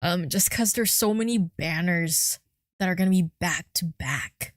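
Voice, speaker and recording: A woman's voice: on the low side, animated, unhurried, no room sound, clean studio sound. A woman gaming streamer giving a casual live reaction, with an effusive, exclamatory fangirl manner.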